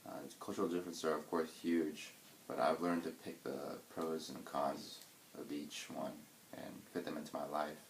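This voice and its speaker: In a large, echoing room with constant background noise underneath, a very low-voiced US man in his twenties gives casual interview answers. He speaks at a moderate pace, thinking aloud hesitantly, with fillers and restarts.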